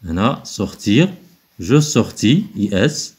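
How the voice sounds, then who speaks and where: A man with a Moroccan accent, teaching French exercises, alternating quick explanation with slow, spelled-out dictation. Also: lowish voice, big pitch swings, a little mellow.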